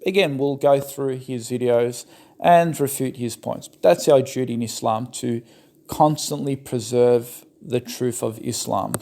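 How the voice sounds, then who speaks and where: A man's voice: medium pitch, mellow. A young man from the West with a Turkish background, giving argumentative, sarcastic rebuttal commentary. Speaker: religious commentator.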